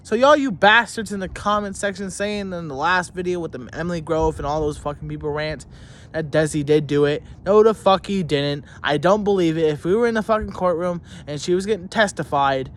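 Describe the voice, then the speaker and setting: In a fast-ish, high and slightly bright voice, a young man who is a student vents to camera about his teachers. The school story comes out as a rambling, heavily profane rant full of restarted sentences, and his tone is indignant, heated and mocking.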